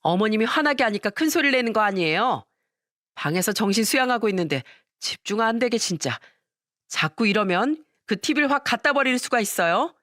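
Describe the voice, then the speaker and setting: A woman's voice: fairly high pitch, lively intonation, a little fast, fairly bright tone, dry recording. A sneering young daughter-in-law, put on by a woman narrator in a radio-style story. She snaps and scoffs at everyone around her. The voice sounds dry and close. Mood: snappish. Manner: sneering, snappish. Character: harsh, scornful young wife, a daughter-in-law.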